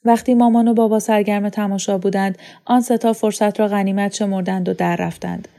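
Woman narrator, calm measured novel reading, mellow warm tone. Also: mid-range voice. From Iran. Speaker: audiobook reader.

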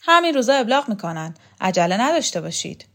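A woman's voice: on the high side, big pitch swings, bright, forceful tone, voice pushed up, heavily acted. A woman voicing a cold, scheming male official who speaks in curt, threatening replies.

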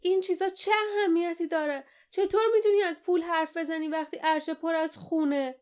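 A young boy hero in a storybook speaks with urgent resolve, played by a woman narrator. The voice is lifted slightly and stays clear and smooth. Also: sits high, fairly even intonation, voice pushed up, natural voice. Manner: earnest, urgent. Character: brave young male hero.

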